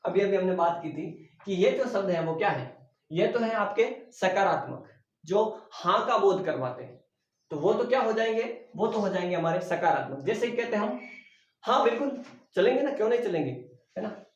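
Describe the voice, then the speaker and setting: A man's voice: sits high, lively intonation, normal speed. A man teaching a Hindi grammar lesson for exam preparation, with a Rajasthani Hindi accent, who keeps asking questions and answering them himself while repeating the key terms. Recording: very echoey, dull lo-fi room recording.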